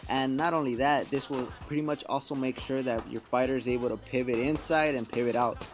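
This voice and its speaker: A man's voice: medium pitch, steady tone, brisk, soft background music. Male workout-channel host, mid-range voice, casual and explanatory instructional narration for viewers. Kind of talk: instructional voice-over for a workout video.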